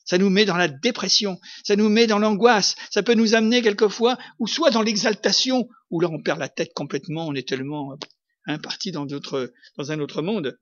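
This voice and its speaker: A man preaching a sermon, building from calm explanation to emphatic, lively peaks. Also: sits high, moderate pace. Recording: slightly dull lo-fi recording.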